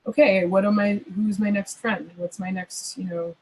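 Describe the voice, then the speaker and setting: A woman's voice: mid-range voice, fairly even intonation, moderate pace, darkish tone, poor audio. A woman guest in a question-and-answer session, answering at length in a thoughtful, rambling way with many fillers. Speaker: astrologer guest. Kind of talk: conversational Q&A answers.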